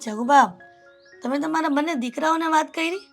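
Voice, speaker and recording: A woman playing a concerned neighbour who speaks earnestly and gently reproaches her friend. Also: high voice, moderate pace, creaky, soft background music. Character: concerned neighbour woman visiting an old lady.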